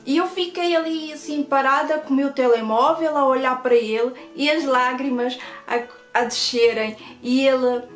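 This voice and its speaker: A woman's voice: sits high, fairly even intonation, moderate pace. A woman with a European Portuguese accent sharing an earnest personal faith testimony and speaking to her viewers as friends. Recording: echoey room with faint guitar music. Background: soft guitar music.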